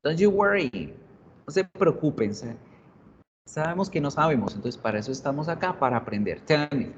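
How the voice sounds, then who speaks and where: A man teaching English in a live online class, his voice a little higher than most men's. He switches between Spanish and English, quizzes his students and repeats example words. The sound is dull and lo-fi, with a faint hiss behind it. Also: expressive, normal speed.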